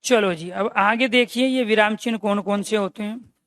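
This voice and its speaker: A man's voice: high voice, moderate pace, fairly bright tone, dry recording. A man teaching grammar for exam prep. He repeats key phrases and quizzes his listeners with questions. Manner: calls listeners dear friends. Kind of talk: online exam-prep lesson.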